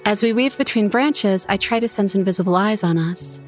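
Woman narrator, first-person horror story, intimate, expressive, mid-pitched voice, faint music behind. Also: brisk. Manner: intimate, expressive, voices her own character's lines.

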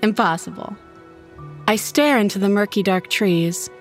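A woman reading a first-person horror story in an intimate, expressive way. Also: medium pitch, normal speed, faint music behind. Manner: intimate, expressive, voices her own character's lines. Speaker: narrator.

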